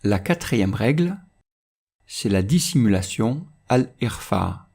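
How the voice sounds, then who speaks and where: A man teaching Quran recitation rules in a calm, measured instructional voice-over. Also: on the low side, gravelly, slightly rough.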